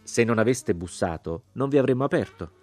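A man's voice: medium pitch, lively intonation, a little fast, a little mellow, faint music behind, pitched above the performer's own voice, close to an everyday voice. A man reading the lines of a courtly, well-mannered marquis in an audiobook.

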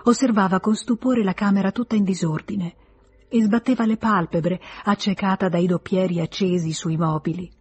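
A woman narrating a literary audiobook in a measured, expressive storytelling manner. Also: medium pitch, slightly rough.

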